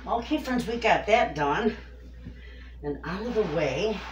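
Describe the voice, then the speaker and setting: Cooking in her own kitchen, a woman in her fifties who runs a homestead cooking vlog chats casually and warmly with viewers. She speaks in an expressive mid-range voice, taking her time, though the recording is muffled. Picked up by a distant tripod-mounted camera, the sound is echoey with faint noise.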